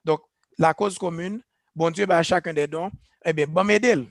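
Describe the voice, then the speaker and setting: A man's voice: fairly high pitch, normal speed, vocal fry, no room sound, studio quality. A man, a church leader giving an earnest, reflective personal testimony about leadership. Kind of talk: speaking on leadership. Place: church gathering.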